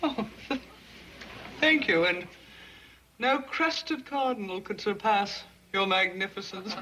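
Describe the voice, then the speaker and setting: An actress playing a prim bank secretary in an old sitcom, who gets flustered and stammers. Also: female voice, medium pitch, takes it slowly, long pauses, sharp tone. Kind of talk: 1960s sitcom acting. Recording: hissy old TV soundtrack.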